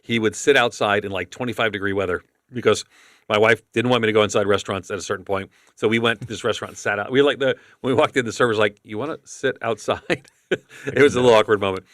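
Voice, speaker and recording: A chatty male podcast host with a bright, forceful tone who rambles through restarts as he moves from thought to thought. The sound is dry and close, with no room behind it. His voice sits a bit low. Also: steady tone, fast talker, no echo. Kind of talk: casual chat.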